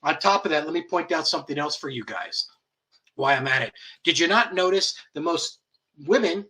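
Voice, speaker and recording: A man's voice: a little high, lively intonation, fairly quick, bright, forceful tone. A man hosting an online commentary show, blunt and profane, chuckling mockingly as he rants. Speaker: host.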